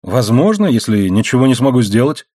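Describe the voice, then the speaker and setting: Calm, wry young man in an audiobook, read by a man: easygoing, dry, husky. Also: mid-range voice, brisk, no echo. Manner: easygoing, dry, laughing off danger. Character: young man, calm, stubborn and wryly amused.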